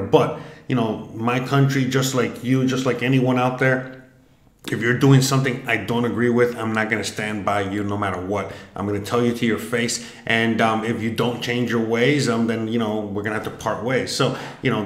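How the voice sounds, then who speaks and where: In an echoey room at home, a man from Miami, Florida, vlogs himself taking an online quiz on his desk webcam. He thinks out loud in a rambling way, with many fillers and restarts, his fairly low voice keeping a steady tone at normal speed.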